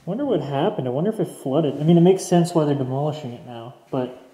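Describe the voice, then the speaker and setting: A young Canadian man with a fairly high, dark-toned voice talks fast and expressively as he wanders through an abandoned mansion basement. Playing urban explorer host, he chats casually with his viewers, calling them "guys," in a loose walkthrough commentary. The empty rooms around him echo.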